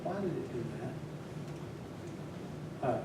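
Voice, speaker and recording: Teaching a class, a man teases his students and addresses them while he works. His voice sits in the mid-range, with lively intonation and a slow pace. The lecture is recorded far from the mic, in an echoey classroom heard from a distance, with faint noise.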